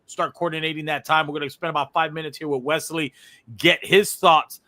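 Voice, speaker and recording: A man hosting an online sports recap show, reading chat comments aloud in a relaxed way. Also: on the high side, brisk, dry recording. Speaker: show host.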